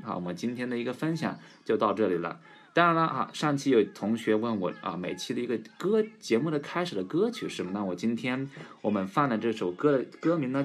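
A man teaching English pronunciation in a casual lesson, stretching model words slowly and clearly. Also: mid-range voice. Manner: slow drawn-out model words.

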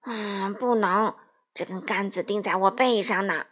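A woman doing a hoarse, gentle scarecrow. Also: mid-range voice, a little slow, voice pushed down. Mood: weary, friendly. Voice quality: hoarse, raspy. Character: gentle, simple male scarecrow of straw. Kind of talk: children's storybook reading.

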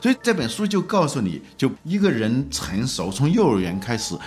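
A man hosting a talk, telling stories in a relaxed conversational way. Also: mid-range voice. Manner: lively storyteller, slows to recite classical lines. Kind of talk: conversational storytelling.

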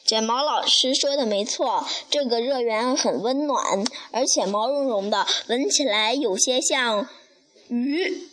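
Slow, high-voiced woman reading a storybook. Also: a bit bright. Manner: halting, with frequent restarts and self-corrections. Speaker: storybook reader. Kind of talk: reading a children's picture book aloud.

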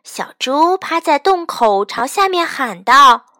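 Woman storyteller reading a children's picture book, gentle and expressive. High, dry, faint music behind. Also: slow pace, no echo. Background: faint background music.

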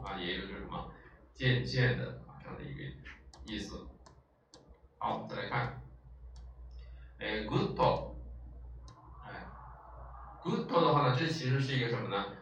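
A man delivers a classroom lecture, explaining points step by step and checking in with his students again and again. His voice sits a little low. The recording catches him from a distance in a strongly echoing room with a faint hiss underneath. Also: normal speed, pauses often, a bit bright. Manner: explanatory, frequent filler sounds and rhetorical checks. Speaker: Japanese language teacher. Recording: echoey room, far from mic, faint noise.

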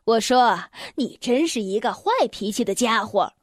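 A woman's voice: moderate pace, no echo, clean studio sound, natural voice. Woman doing a cheerful easygoing man. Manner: lower, easygoing, teasing. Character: cheerful friendly man, good-natured.

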